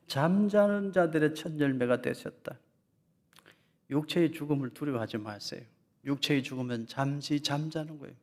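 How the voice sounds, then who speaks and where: A man preaching as a pastor in an emphatic Sunday lecture sermon, repeating key phrases and speaking straight to his congregation. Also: fairly high pitch. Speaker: senior pastor. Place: church sanctuary.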